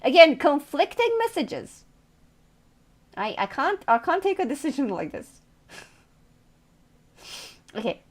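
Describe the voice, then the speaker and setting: Female streamer, slightly high voice, casual teasing chat with viewers, frequent laughs. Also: big pitch swings, measured pace, long pauses. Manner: playful, laughs often, teasing.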